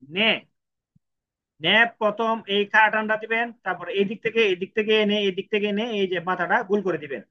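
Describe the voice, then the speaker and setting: Teaching how to write Japanese characters step by step, a man from Bangladesh repeats and counts out each stroke. He speaks a little fast in a voice that sits high, captured in a dull lo-fi recording.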